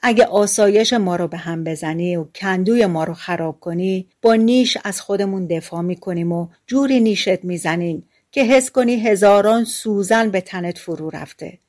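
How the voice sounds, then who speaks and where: A woman's voice: mid-range voice, hardly any pauses, a little mellow, natural voice. A woman voicing an annoyed queen bee in a storybook, warning sternly. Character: stern queen bee guarding her hive.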